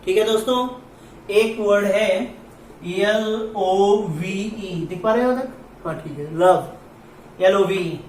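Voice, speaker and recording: A man teaching at a slow, deliberate pace, spelling out words one letter at a time. His voice sounds echoey and distant, recorded from across a classroom, with faint room ambience behind him. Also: high-pitched, a little mellow, slight background noise. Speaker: English teacher. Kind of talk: classroom lesson.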